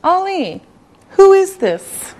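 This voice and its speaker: A woman's voice: very high voice, very animated, slow pace, darkish tone. A woman teaching a beginner language lesson, speaking with careful enunciation and repetitive drilling. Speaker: English teacher.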